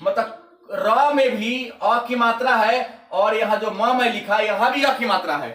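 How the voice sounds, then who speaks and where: A male teacher with a very high, bright and forceful voice. He gives a classroom grammar lesson and repeats his definitions slowly so students can copy them. The sound is roomy and echoey, picked up from some distance. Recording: echoey room, mic at a distance.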